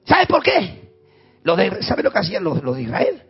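A man with an Argentine accent preaching a sermon, telling stories dramatically and swinging between loud and quiet. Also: high-pitched, wildly swooping pitch, normal speed, breathy edge, highs cut off. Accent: Argentine Spanish. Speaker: pastor.

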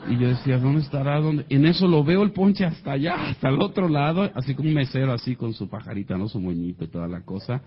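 A man's voice: mid-range voice, fast talker, hardly any pauses, muffled recording. A man with a Mexican accent telling a comic personal story to an audience, acting out the voices of the people in it. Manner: animated, acts out quoted voices.

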